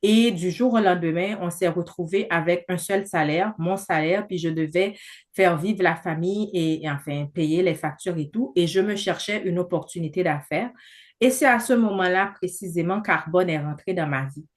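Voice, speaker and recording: A woman in her thirties talks a group through a business presentation on a video call. Her voice sits a little low for a woman. She is chatty and persuasive and fills her sentences with hesitations. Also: normal speed. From not from Canada. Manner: chatty, many fillers, persuasive.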